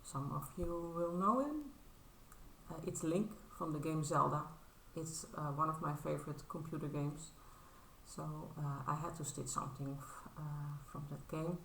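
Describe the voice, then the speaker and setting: Low, gravelly and bright with some tension, the voice belongs to a Dutch woman in her thirties vlogging about crafts in casual English. She's modest and apologetic, stumbling with fillers and restarts, recorded in an echoey room with a faint background hum.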